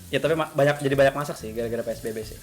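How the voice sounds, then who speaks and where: A man's voice: medium pitch, racing, soft background music. A young man with a Jakarta Indonesian accent chats casually as a guest, using slang and often repeating his phrases. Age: young adult. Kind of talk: casual chat.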